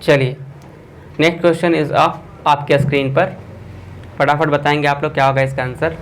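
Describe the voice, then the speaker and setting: A man's voice: on the high side, level tone, normal speed, low-quality recording. Man teaching an online exam class. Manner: quizzing viewers with a repeated filler.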